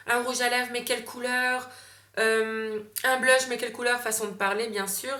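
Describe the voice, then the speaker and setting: A young woman talks through gift ideas in a casual vlog, full of fillers and restarts. Her voice is bright and a little higher than usual. The room around her gives a clear echo. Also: level tone, normal speed. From Belgium. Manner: chatty, many fillers and self-corrections. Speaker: beauty vlogger.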